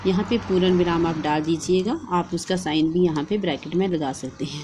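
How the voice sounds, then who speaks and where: A woman with a Hindi accent explaining a lesson plan step by step in a steady, instructive way, as a teacher-training vlogger. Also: mid-range voice, slight background noise. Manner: steady instructive delivery, reading out and dictating.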